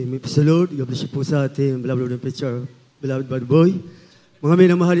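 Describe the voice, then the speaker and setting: A man prays over the church offering, quick and earnest, repeating his invocations. His high voice stays dark and level. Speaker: church worker leading offering prayer. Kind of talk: offering prayer.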